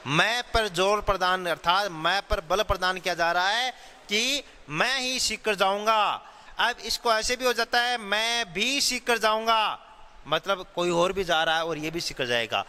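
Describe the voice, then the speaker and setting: A man teaching grammar, explaining slowly, repeating key phrases and answering his own questions. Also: sits high, sharp tone, smooth. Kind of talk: classroom-style grammar lesson. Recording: long hall reverb.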